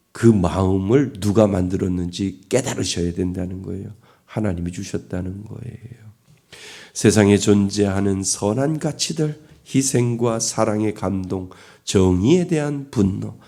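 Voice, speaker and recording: A man's voice: lowish voice, gravelly, dark tone. A middle-aged man preaching a sermon as pastor, asking the congregation rhetorical questions.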